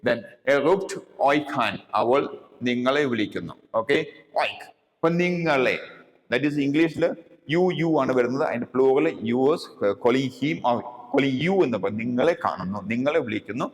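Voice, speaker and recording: Slow, lively Malayali teacher in a hall. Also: male voice, medium pitch. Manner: mixes languages, repeats words, checks understanding with "okay". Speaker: German language teacher. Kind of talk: classroom lesson explaining grammar.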